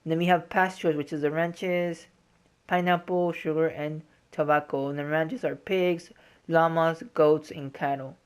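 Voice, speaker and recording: Gamer talking through a walkthrough, casual and explanatory, mid-pitched voice. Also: fairly even intonation, a little slow, clear, resonant tone. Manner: explanatory, informal. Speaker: gaming walkthrough host. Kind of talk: casual game commentary.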